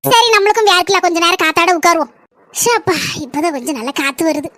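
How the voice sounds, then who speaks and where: A woman doing a shrill nagging old mother-in-law. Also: animated, quick pace, pushed and bright, no room sound, exaggerated voice. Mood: wheedling. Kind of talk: cartoon comedy voice acting.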